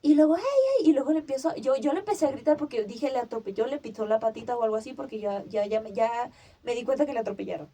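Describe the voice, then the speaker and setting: High, mellow young woman. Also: quick pace. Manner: vivid re-enactment, acting out her own cries and shouts. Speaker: podcast host. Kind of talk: casual storytelling chat.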